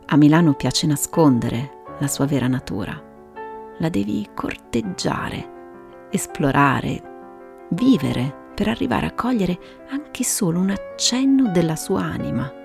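A woman hosting and narrating a scripted story in a measured way, with dramatic pauses. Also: low voice, expressive, vocal fry, a little mellow. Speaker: host and narrator of a storytelling show. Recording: music behind the voice.

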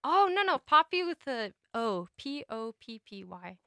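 In a dry, studio-quality radio recording, a young female musician chats as an interview guest. Her voice is a little high, bright and smooth, very animated yet a little slow. She keeps it informal, sprinkling "like" throughout and voicing her own thoughts as quotes.

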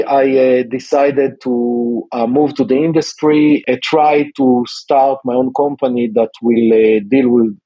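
A male scientist, a podcast guest, with a husky, mellow voice. He speaks hesitantly with many fillers, on a dull, dry remote recording. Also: mid-range voice, no echo. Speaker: company founder and scientist. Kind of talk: interview guest.

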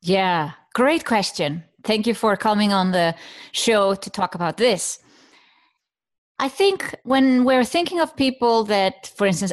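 A woman from Iceland hosting a podcast, coaching her guest with lively questions and examples. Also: mid-range voice. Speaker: podcast host and business coach.

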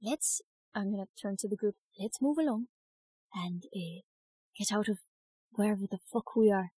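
Husky-voiced woman, blunt and swearing. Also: mid-range voice, moderate pace, mellow, dry recording. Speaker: player. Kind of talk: casual tabletop play.

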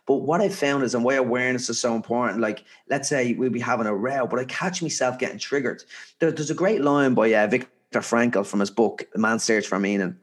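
A man's voice: mid-range voice, brisk. A man with an Irish accent talking as a motivational interview guest, earnest and emphatic, repeating phrases for stress. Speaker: podcast guest, author and speaker.

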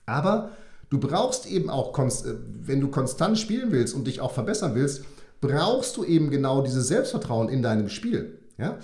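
A man's voice: medium pitch, sing-song, normal speed, darkish tone, roomy sound. A man speaking as a golf mental coach in a podcast monologue, talking freely with many fillers and frequent "ja?" checks to the listener.

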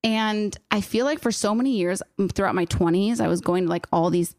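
A woman's voice: medium pitch, brisk, darkish tone, no room sound, studio quality. A woman in her thirties chatting casually, rambling and emotional, with "like" in every sentence. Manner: rambling, says "like" constantly, emotional. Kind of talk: casual chat.

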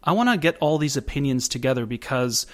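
A man's voice: mid-range voice, animated, brisk. A man hosting an interview show, asking long, earnest questions with many fillers. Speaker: host.

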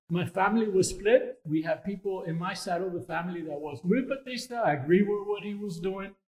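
An older man from Cuba answering interview questions in a measured, earnest way, pausing often with fillers. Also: sits high, rough recording. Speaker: interview guest.

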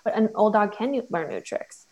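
A woman's voice: medium pitch, expressive, normal speed, a little mellow, low-quality recording. Woman in her 40s, chatty, pokes fun at herself, interview guest. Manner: chatty and self-deprecating. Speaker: guest, fashion entrepreneur. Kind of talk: candid interview conversation.

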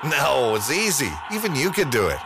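A man's voice: mid-range voice, big pitch swings, moderate pace, very noisy. A man playing a cheerful guy in an ad. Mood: upbeat. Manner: upbeat, playful. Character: cheerful young man bragging about new blinds. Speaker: actor in a radio ad. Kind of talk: scripted ad dialogue.

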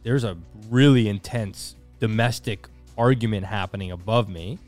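A man's voice: on the low side, moderate pace, darkish tone, soft background music. A man co-hosting a podcast, telling a story in an earnest, reflective way. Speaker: podcast co-host. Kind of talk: casual chat.

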